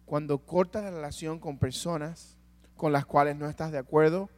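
A man with a high voice preaches a sermon. He fires rhetorical questions at the congregation and drops from loud urging to a near hush. His words ring out with a long reverb, as in a big hall. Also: fairly even intonation, moderate pace.

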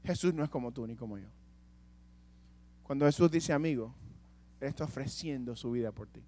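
A man preaching a sermon, asking the congregation rhetorical questions and swinging between loud passages and hushed ones. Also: mid-range voice, fairly quick, long reverb tail.

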